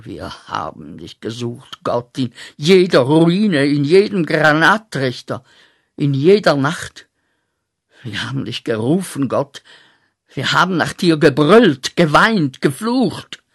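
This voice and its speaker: A bitter young man back from the war hurls accusations at God in a radio drama. His voice is gravelly and husky, and his delivery is slow and deliberate. He sinks to a mutter, then flares up into loud outbursts. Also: medium pitch, exaggerated voice. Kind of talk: radio play acting.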